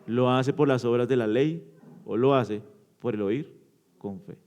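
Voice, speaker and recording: Questioning, emphatic male preacher. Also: unhurried. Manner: asks the congregation questions and answers them; swings between loud emphatic bursts and low quiet endings. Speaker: pastor. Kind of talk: interactive sermon teaching. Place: church.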